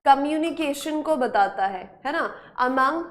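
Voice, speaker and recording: Speaking slowly in a high-pitched, expressive, somewhat bright voice, a woman runs an online spelling and vocabulary lesson. She blends English words into her Hindi and repeats every question and answer to encourage her students.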